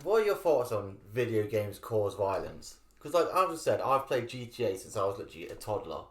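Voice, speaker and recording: A man's voice: fairly low pitch, big pitch swings, fairly quick. A young man co-hosting a podcast, telling loose, rambling gaming anecdotes with some swearing. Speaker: podcast co-host. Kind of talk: casual chat. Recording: roomy echo.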